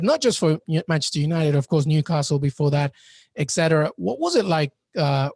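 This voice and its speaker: A man with a fairly high, creaky voice hosts a podcast interview. He speaks effusively and often restarts his phrases. The sound is very dry, with no room echo. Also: a little mellow. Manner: effusive, halting with repeated starts. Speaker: podcast host. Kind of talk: conversational interviewing.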